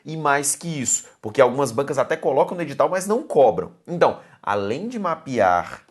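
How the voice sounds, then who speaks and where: A Brazilian woman running an exam-prep grammar lesson, her pitch swinging widely up and down. She talks emphatically and keeps pulling students back with calls to look and listen. She fondly addresses them as her dears. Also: sing-song, fairly quick, slightly rough. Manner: affectionate, calls viewers "my dears".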